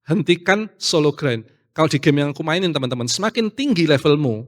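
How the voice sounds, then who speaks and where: Animated youth preacher man. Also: fairly high pitch, a little fast. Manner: animated, acts out quoted voices, mixes in English phrases. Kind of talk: casual youth sermon.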